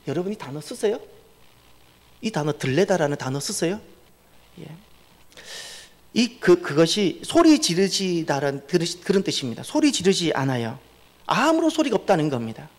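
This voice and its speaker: High-voiced preaching man in reverberant church. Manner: preaching with rising emphatic repetition, asking the congregation questions. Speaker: pastor. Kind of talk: sermon. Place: church sanctuary.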